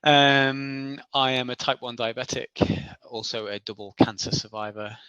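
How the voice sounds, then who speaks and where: Man in his forties, bright voice. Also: mid-range voice, steady tone, moderate pace, clean tone, dry recording, highs cut off. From Isle of Man. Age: 40s. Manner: chatty, self-deprecating, laughs often. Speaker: podcast guest. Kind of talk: casual interview storytelling.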